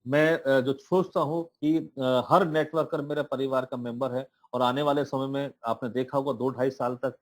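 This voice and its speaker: A man speaking on an online meeting call, pitching a business plan in a motivational tone with many hesitant fillers. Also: steady tone, normal speed, hardly any pauses. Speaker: presenter of crypto network plan. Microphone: online call audio.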